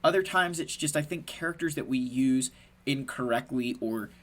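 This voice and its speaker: A man's voice: medium pitch, moderate pace. A man who is a bit under the weather explains a game to viewers in an upbeat, step-by-step way, casual and direct. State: under the weather, a little congested. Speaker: gaming content creator.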